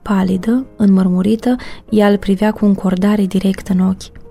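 A woman narrating a novel as an audiobook in a steady, measured storytelling manner. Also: medium pitch, gravelly, soft background music.

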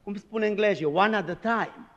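A man's voice: high voice, in a large hall, highs cut off. A man preaching a sermon as pastor, with emphatic delivery and dramatized quoted lines.

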